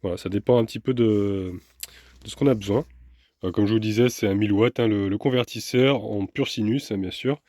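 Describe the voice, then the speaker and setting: Low-voiced man chatting through an unboxing. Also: brisk, no room sound, clean studio sound. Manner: relaxed, chatty, with filler hesitations. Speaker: vlogger reviewing a power station. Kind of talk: casual product unboxing.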